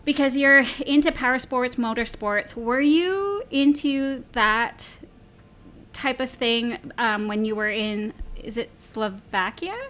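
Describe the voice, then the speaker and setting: A woman hosts a podcast interview in a somewhat high voice. She sounds eager and curious, gushing over her guest as she asks questions. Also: slow, fairly bright tone. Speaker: podcast host. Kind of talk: casual interview chat.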